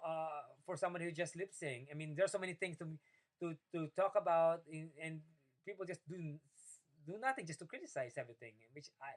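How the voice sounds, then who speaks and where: A man from the Philippines, speaking English as a second language, recounting his day in a rambling video diary with many fillers and restarts. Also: low-quality recording. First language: Tagalog. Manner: rambling, many fillers and restarts, rises in pitch when opinionated. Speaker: video diarist. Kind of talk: casual personal video diary.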